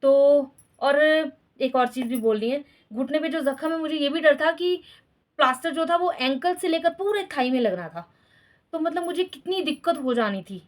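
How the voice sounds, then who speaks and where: A woman's voice: high voice, lively intonation, moderate pace. A woman in her thirties from India, casually chatting to her followers, confiding and laughing as she talks. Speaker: vlogger.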